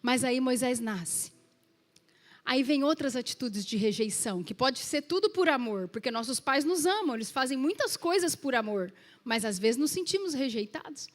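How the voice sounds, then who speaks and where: High-voiced woman pastor preaching. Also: big-room sound. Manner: animated storytelling, addresses the congregation directly; acts out quoted voices in her stories. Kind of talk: sermon.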